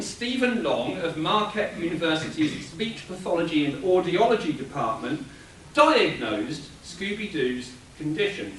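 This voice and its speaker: A man giving an animated, explanatory panel talk at a convention, chuckling now and then. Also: high-pitched, a little hiss or hum. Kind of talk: lecture-style panel talk. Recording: echoey room from a distance.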